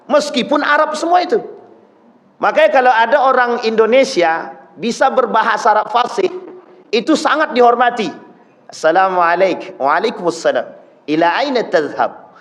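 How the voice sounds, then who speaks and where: A man delivering a sermon, with a high voice. He speaks straight to the congregation and slips into the voices of the people in his stories. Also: fairly bright tone. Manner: addresses the congregation directly, acts out quoted voices. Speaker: preacher.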